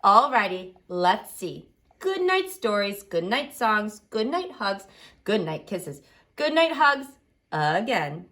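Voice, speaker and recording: At a library storytime, a woman sings along and reads picture books aloud to children, her delivery expressive and exaggerated for little ones. Her voice sits at a medium pitch and moves slowly.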